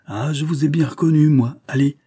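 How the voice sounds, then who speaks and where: A man's voice: a little high, brisk, dark tone, breathy edge, dry recording, clean studio sound, voice pushed up. A man voicing a cheerful, boastful old male villager speaking with a raised voice.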